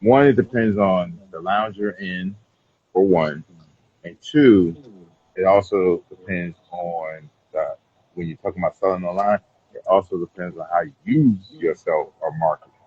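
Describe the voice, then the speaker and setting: A man with a deep, husky voice talks in a loose, conversational interview style. He rambles a little and keeps checking that he is understood. The audio is slightly dull and muffled. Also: a little slow. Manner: rambling, repeats "you know what I'm saying". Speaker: cigar brand owner being interviewed.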